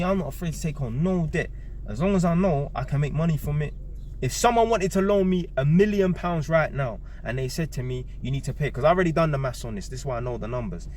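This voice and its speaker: A man's voice: medium pitch, a little mellow, slight background noise. A man, giving a blunt, emphatic monologue to camera, repeating key words and swearing freely. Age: 30s. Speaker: vlogger.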